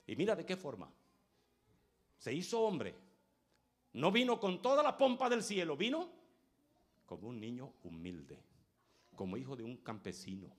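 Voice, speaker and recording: A male pastor preaching an impassioned sermon, rising to loud peaks and dropping to hushed phrases. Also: on the low side.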